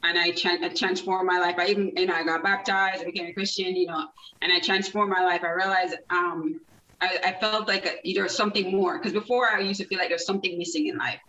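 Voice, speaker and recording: Jamaica-born woman in her 30s, rambly and chatty, lowish voice, far off and echoey. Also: fairly even intonation, quick pace, pushed and bright. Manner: chatty, many fillers and restarts, laughs easily. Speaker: guest, nonprofit founder. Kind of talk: casual interview storytelling. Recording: distant, dull, roomy sound.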